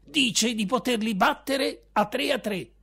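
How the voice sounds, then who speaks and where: A man voicing a disapproving, alarmed middle-aged mother with a high, shrill, exclaiming voice. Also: a little slow, vocal fry, pushed and bright, husky, full character voice.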